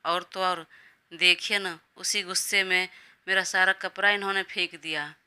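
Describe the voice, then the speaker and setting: Woman doing a young bride, defiant and complaining, very bright crisp voice. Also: lowish voice, fairly even intonation, normal speed. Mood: whining.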